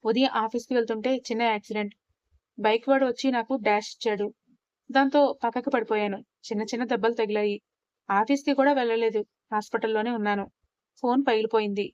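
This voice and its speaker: A woman voicing a quiet loving young husband. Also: fairly high pitch, steady tone, quick pace, no echo, highs cut off, lightly acted. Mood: calm.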